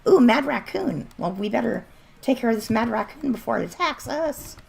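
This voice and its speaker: Gravelly woman chatting on a game stream. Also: fairly high pitch, expressive, moderate pace, a little mellow. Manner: chatty, laughs often, blunt swearing. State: starting to lose her voice. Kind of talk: casual livestream chat while gaming.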